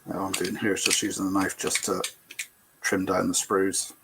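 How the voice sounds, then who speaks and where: Gravelly low-voiced Irish man chatting. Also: normal speed, very noisy. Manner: relaxed, chatty, thinking aloud while working. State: tired, yawning. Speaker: livestream host. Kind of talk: casual chat while building a model kit. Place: bedroom.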